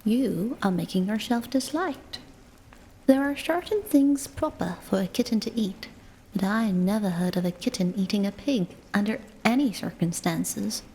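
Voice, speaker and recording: A woman voicing an earnest young girl who gently and reprovingly scolds, as a whispered role-play in a storybook reading. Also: mid-range voice, lively intonation, normal speed, a little hiss or hum, natural voice.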